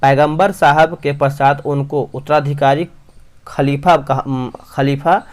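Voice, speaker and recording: A man's voice: a little high, steady tone. A young man reading quiz questions and answers at speed for exam revision, often restarting words and calling viewers his friends. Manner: rapid, frequent restarts, addresses viewers as friends. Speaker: quiz teacher.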